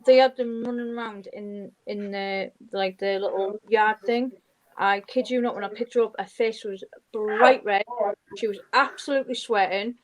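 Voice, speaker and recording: A woman's voice: mid-range voice, fairly even intonation, moderate pace, rough recording. A woman hosting a casual group chat, telling stories with many hesitations and greeting viewers.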